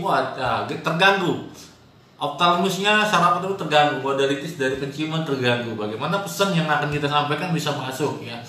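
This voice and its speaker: Male hypnosis teacher, bright voice, casual explainer, heavy room echo. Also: on the high side. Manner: explains with frequent "ya" tags and homely examples. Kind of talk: casual spoken lesson. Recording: very echoey room, faint noise.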